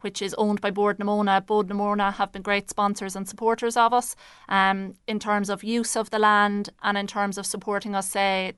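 An Irish woman with a strikingly clear, smooth voice at a medium pitch. She describes things unscripted as an interview guest, in a close, dry recording. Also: flat delivery, normal speed, a bit bright, no room sound. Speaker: parkrun representative being interviewed.

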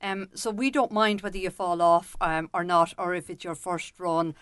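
An Irish woman with a smooth, slightly low voice chats through interview answers without a script. The recording is dry, with very little room sound. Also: steady tone, normal speed, a bit bright, no room sound. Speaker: parkrun representative being interviewed. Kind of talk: chatty unscripted interview answers.

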